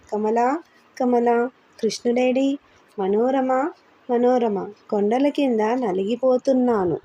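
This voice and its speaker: A woman performs a beaten middle-aged man drifting in delirium, his breathy voice pitched a little high and soft-edged. He pleads in broken fragments and repeats his words over and over, a storybook figure lost in pain and fear. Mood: terrified.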